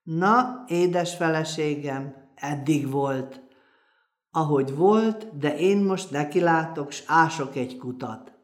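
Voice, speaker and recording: A woman's voice: deep voice, natural voice. A humble poor peasant man from an old folk tale, plain-spoken and earnest, as a woman storyteller puts him on. He talks simply and sincerely, like a modest villager. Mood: weary.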